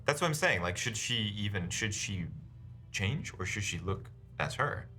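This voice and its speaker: A man's voice: fairly low pitch, expressive, moderate pace, pushed and bright. A man chatting casually as a player in a tabletop role-playing game.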